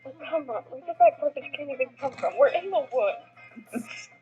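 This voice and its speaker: A woman's voice: high voice, lively intonation, moderate pace, mellow. Woman as an exasperated young woman, phone-like sound. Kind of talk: reading a video game role aloud. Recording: thin phone-like audio, music behind.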